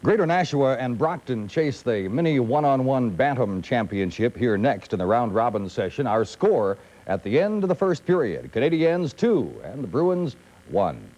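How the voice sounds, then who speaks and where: An American man working as a sports announcer, narrating scripted hockey highlights and commentary. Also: very animated, normal speed, a little mellow, lo-fi sound.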